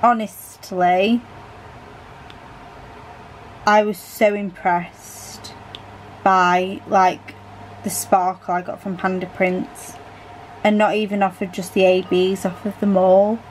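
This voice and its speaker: Slow-talking chatty British woman. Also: medium pitch, flat delivery, a little hiss or hum, low-quality recording. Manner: rambling, chatty, self-correcting asides. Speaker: crafting vlogger. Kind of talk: casual chat while diamond painting.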